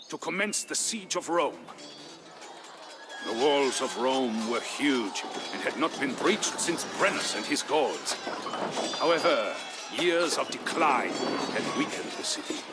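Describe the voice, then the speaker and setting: An actor voices a grave Visigothic warrior chieftain, the dead king's brother-in-law, narrating his people's history for a strategy game. His medium-pitched delivery is solemn, measured and theatrical, recorded over prominent music.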